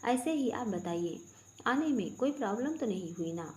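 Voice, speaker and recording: A gentle young bride with a hesitant, soft way of speaking, voiced by a woman reading the story. The tone is mellow and warm, suited to a quiet storybook reading. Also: on the high side, lively intonation, normal speed, reverberant, lightly acted. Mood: worried.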